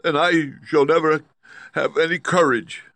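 A man's voice: fairly high pitch, steady tone, unhurried, a bit bright, no room sound, pitched above the performer's own voice. A man voicing a cowardly lion from a storybook, anxious but earnest, in a raised, emphatic, declaiming voice. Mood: resolute but fearful.

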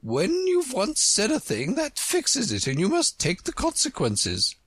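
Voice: mid-range voice, wildly swooping pitch, measured pace, husky, no echo, clean studio sound, pitched above the performer's own voice, exaggerated voice. A reader voicing an imperious, contrary chess queen, a woman who scolds with pompous emphasis in a storybook. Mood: stern.

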